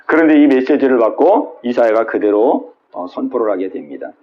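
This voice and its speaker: A man's voice: medium pitch, lively intonation, normal speed, dull audio. A male pastor preaching a Wednesday sermon at a small church, retelling scripture with dramatic quoted voices and asking the congregation questions.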